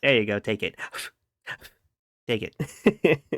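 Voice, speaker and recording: In a playful, giggly live stream, a man chats casually with viewers, humming and scatting to himself between remarks as he works. His medium-pitched voice is animated and a bit bright, and he draws out his words.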